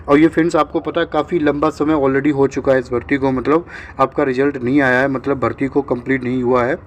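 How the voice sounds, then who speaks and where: A man gives exam candidates updates in an informal, reassuring way, repeating himself with check-in tags and mixing English words into his speech. His mid-range voice has little pitch movement and is fairly quick, with a little hiss or hum.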